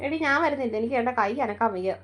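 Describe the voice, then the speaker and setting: A woman voicing a tired old grandmother who complains of a sore arm, talking slowly. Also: fairly high pitch, a bit bright, close to an everyday voice. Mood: weary.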